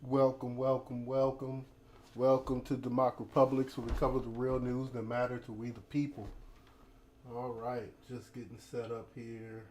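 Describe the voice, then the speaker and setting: American guy doing chill livestream commentary, talking a bit funny with a grill in his teeth, pretty monotone, some background noise. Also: medium pitch, moderate pace. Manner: slightly impeded speech from wearing a teeth grill. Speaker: host of a news commentary livestream. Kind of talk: laid-back casual vlog commentary. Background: ambient noise, storm outside.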